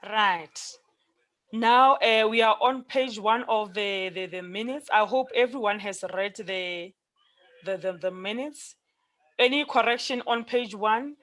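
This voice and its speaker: A person chairing a formal meeting in a halting manner, often repeating words while searching for the next one. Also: mid-range voice, fairly bright tone.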